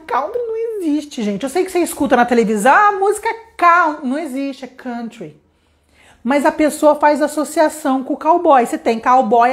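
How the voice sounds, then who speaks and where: A woman from Brazil teaching English on a live stream, chatty and lively, greeting viewers by name. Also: high voice. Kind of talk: live-streamed lesson chat.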